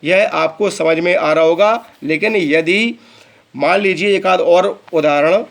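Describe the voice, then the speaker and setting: Slow, patient Hindi-speaking English teacher. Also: male voice, sits high, creaky. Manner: slow, spells words out letter by letter; addresses students as beta. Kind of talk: classroom lesson.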